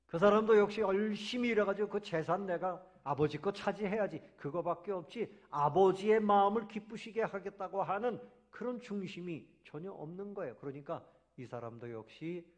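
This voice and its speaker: A man preaching a sermon as pastor, swinging between loud emphatic swells and soft low drops, sometimes acting out voices in his story. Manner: acts out dialogue voices of the sons and father.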